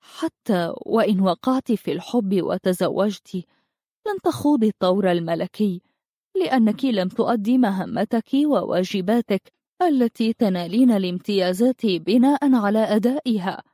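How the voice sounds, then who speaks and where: Told by a woman reading a storybook, a wise magical lady speaks slowly and with calm assurance. Her tone is mellow and warm, offering steady counsel. The recording is dry and close. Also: mid-range voice, no echo, close to an everyday voice.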